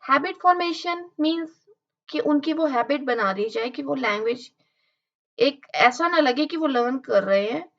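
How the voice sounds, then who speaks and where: A woman teacher giving a lecture, explaining in Hindi and reading English lines slowly and deliberately. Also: sits high, expressive, fairly bright tone. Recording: slightly dull lo-fi audio.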